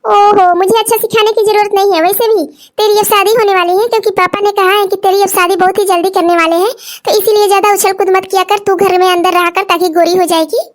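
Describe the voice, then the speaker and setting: A woman's voice: very high voice, fairly even intonation, quick pace. A woman voicing a sassy, mocking younger sister in a cartoon story. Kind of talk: cartoon voice acting.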